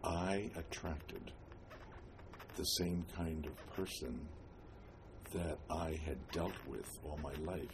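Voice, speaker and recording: An elderly man with an American accent looks back on his life in an oral history interview. His voice is extremely low and he speaks slowly, halting and searching between phrases as he reminisces. There is clear noise behind him. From New Jersey, United States. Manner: halting, with long pauses and frequent hesitations. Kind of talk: reminiscing, telling life story.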